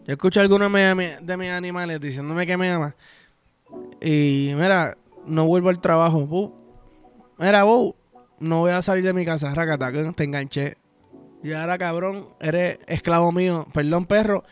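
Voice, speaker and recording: A man's voice: sits high, clean tone. A man with a Puerto Rican accent, hosting a podcast in a crude, rambling, profane comic monologue. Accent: Puerto Rican Spanish. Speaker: podcast host. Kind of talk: casual comedic podcast monologue.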